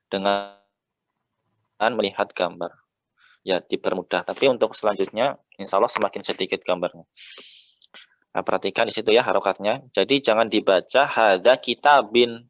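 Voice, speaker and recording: Patient indonesian guy teaching arabic, kinda low voice, stretches the endings, dry slightly dull mic. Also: a bit bright, slight background noise. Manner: patient, says "ya" often, drills vowel endings slowly. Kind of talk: relaxed teaching.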